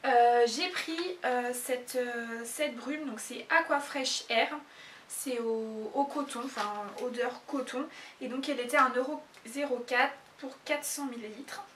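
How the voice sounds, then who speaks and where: A woman's voice: a little high, fairly even intonation, unhurried, fairly bright tone, slight background noise. A woman chatting casually in a haul video, hesitating often with fillers. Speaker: YouTuber. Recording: echoey room, mic at a distance.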